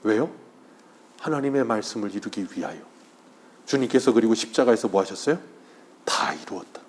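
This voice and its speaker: A male pastor giving a Sunday morning sermon in church, telling a story with feeling and swinging between loud passages and hushed ones. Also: fairly low pitch, brisk. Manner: acts out quoted voices softly. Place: church sanctuary during worship.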